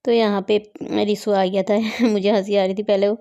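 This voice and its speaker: Woman, thirties, casual home vlog, chatty, rambling, laughs often, warm mellow tone. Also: medium pitch, flat delivery, normal speed. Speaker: vlogger. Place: home, rooms and rooftop.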